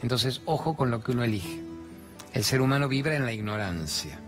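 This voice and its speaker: A man's voice: medium pitch, expressive, brisk, music in the background. An older man with a Rioplatense Spanish accent hosts a motivational talk, speaking playfully and acting out conversations in raised voices. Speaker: host giving motivational talk. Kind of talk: animated spiritual pep talk.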